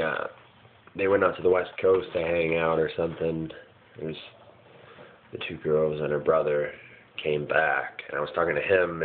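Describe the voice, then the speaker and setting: Very deep-voiced man hazily recounting puzzling dreams. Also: a little hiss or hum. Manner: hazy, puzzled recounting, vague and searching for words. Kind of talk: casual personal dream recounting. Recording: muffled phone-like lo-fi sound.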